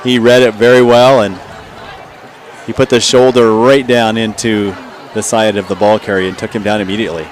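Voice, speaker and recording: A man giving conversational, measured football analysis as a color commentator on a radio broadcast. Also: on the low side, level tone. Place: stadium broadcast booth. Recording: crowd and faint outdoor noise behind.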